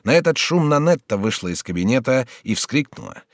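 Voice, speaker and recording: A man narrating an audiobook in an expressive, theatrical reading. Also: medium pitch, fairly quick, no echo. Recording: dry studio sound.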